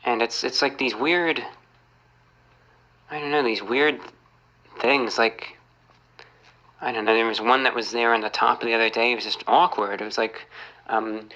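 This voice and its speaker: Male YouTuber, mid pitch, piercing bright timbre; reads and answers viewer emails in a calm, bemused, casual way. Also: measured pace, long pauses, dull audio. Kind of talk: casual monologue.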